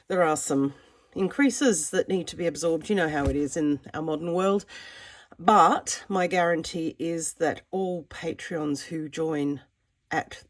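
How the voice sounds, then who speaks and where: Croaky middle-aged woman with a cold, lowish voice. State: has a cold. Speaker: art vlogger, mixed media artist. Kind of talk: casual chatty sketchbook walkthrough.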